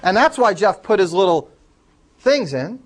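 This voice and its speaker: A man's voice: high voice, very animated, measured pace. A man lecturing a class, explaining step by step and taking student questions.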